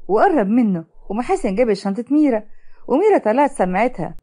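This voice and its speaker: A woman with an Egyptian accent narrates a storybook drama at a quick clip. Her fairly high voice moves up and down with expression, keeping the telling brisk. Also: sing-song, warm tone.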